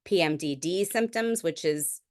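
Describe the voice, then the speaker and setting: A middle-aged woman physician delivers a recorded medical lecture in a conversational, explanatory style, often restarting her sentences. Her voice is lowish and her pace measured.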